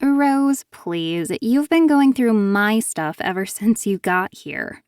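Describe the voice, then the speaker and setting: A woman's voice: medium pitch, animated, slow pace, darkish tone, smooth, no echo, clean studio sound. A woman reading an audiobook, voicing a sly woman author who taunts in a falsely sweet way. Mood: smug taunting.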